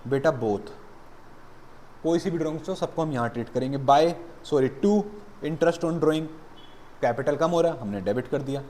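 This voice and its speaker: Over a little hiss or hum, a man lectures an accountancy class at normal speed in a medium-pitched, slightly mellow voice. He switches between explaining and bluntly scolding to motivate, calling his students "beta."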